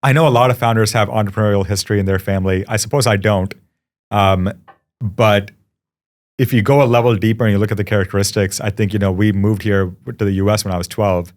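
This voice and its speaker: A young adult man from India, a company founder reflecting warmly in a casual podcast interview, with lots of ums and uhs. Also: lowish voice, steady tone, fast. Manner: warm, reflective, frequent fillers.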